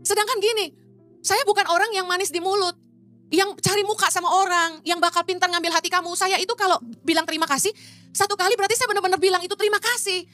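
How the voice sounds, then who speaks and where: A woman's voice: very high-pitched, fairly even intonation, quick pace, fairly bright tone, faint music behind. A middle-aged woman pastor, preaching in a blunt, emphatic way and dropping English phrases into her sermon.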